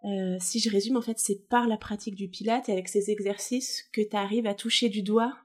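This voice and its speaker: Lady interviewer, bit husky and warm, lots of little mm's. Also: medium pitch, fairly even intonation, brisk. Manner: brief encouraging backchannels. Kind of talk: interview questions.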